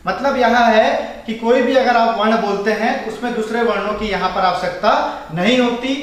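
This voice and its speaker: A man's voice: very high-pitched, a bit bright. A man teaching an exam coaching class, who keeps asking questions and answering them himself and calls his students "bhai". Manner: asks and answers his own questions, repeats key points. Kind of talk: classroom grammar lecture. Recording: very echoey room, voice far from mic.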